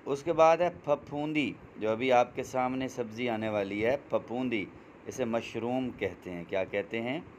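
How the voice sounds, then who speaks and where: A man's voice: medium pitch, slight background noise. A man teaching vegetable names, repeating each word and quizzing the listener. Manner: slow, drills each word with call-and-answer questions. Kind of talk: vocabulary lesson with repetition.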